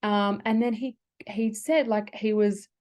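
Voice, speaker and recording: A woman's voice: mid-range voice, fairly even intonation, a little slow, a little mellow. A woman, a business coach giving a workshop talk, speaking conversationally with many "like"s and restarts. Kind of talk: workshop talk with personal anecdotes.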